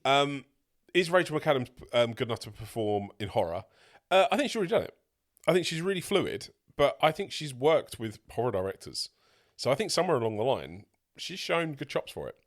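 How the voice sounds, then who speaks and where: A man co-hosting a casual film podcast in a relaxed, easygoing way. His pitch moves expressively, and he sometimes pauses to search for a word. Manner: relaxed, laughs easily, searches for words. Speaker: podcast co-host.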